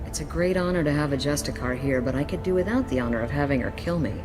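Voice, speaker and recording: A woman's voice: deep voice, fast, lightly acted. Game role: reluctant detective played by a woman, dry and plain-spoken, music behind. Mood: wry, uneasy. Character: weary, wry police detective woman. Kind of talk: video game voice acting.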